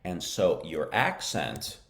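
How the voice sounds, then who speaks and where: A man's voice: low-pitched, sing-song, takes it slowly, creaky, fairly bright tone, slight background noise. A man teaching a lesson on a live stream. He talks casually, answers viewer questions, drops in Arabic words, and often checks with "okay?".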